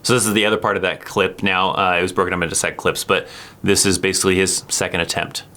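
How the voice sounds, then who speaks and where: Low-voiced guy rambling over a clip, laid back, laughs along. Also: flat delivery, quick pace, pushed and bright, a little hiss or hum. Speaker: channel host and former army sergeant. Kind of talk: casual commentary over a recorded clip.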